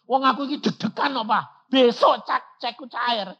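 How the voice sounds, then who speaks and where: Man putting on a jittery young son, high and husky, lo-fi sound. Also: moderate pace, bright, forceful tone, full character voice. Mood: eager. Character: anxious young adult son pleading with father. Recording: lo-fi recording.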